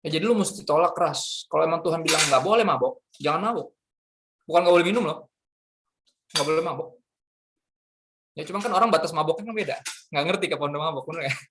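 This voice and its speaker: A man from Jakarta with a Jakarta accent, a pastor giving a casual youth sermon in lively slangy street talk. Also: a little high, quick pace, pauses often, a little hiss or hum. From Jakarta, Indonesia.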